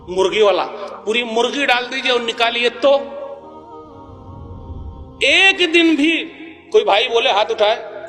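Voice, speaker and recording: A man giving an impassioned sermon to a congregation, questioning the audience and swinging between loud and soft. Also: high-pitched, long reverb tail. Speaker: preacher. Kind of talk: Urdu sermon to a live congregation.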